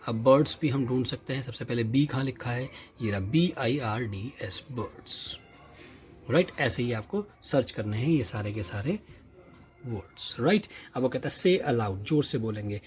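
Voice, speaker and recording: A man with an Indian accent explaining an English lesson in Hindi, reading English lines slowly and then explaining each one. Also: mid-range voice, expressive, darkish tone. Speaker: teacher.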